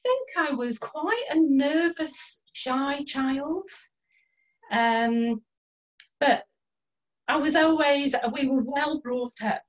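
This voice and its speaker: This interview guest, a holistic therapist in middle age who lives in North Wales but was born in Liverpool, reminisces casually about her life on a video call from a small room at home. She speaks slowly in a high voice, and the computer microphone makes for a low-quality recording.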